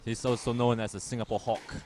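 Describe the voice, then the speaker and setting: Relaxed guy commentating squash, medium voice, keeps asking his buddy stuff, bit of hall noise. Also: mid-range voice, fast talker. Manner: easygoing, asks his co-host questions. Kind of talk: casual live sports commentary.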